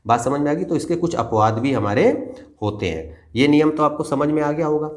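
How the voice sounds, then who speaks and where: A man's voice: fairly high pitch, expressive, a little fast. A man teaching a basic grammar lesson to children, patient and repetitive, often checking that they have understood.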